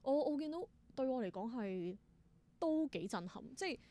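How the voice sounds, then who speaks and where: A high-pitched, warm voice with big swings in pitch belongs to this woman, an independent theatre performer being interviewed. At a moderate pace and in a Hong Kong Cantonese accent, she shares casual stories, thinking aloud in short, reflective bursts.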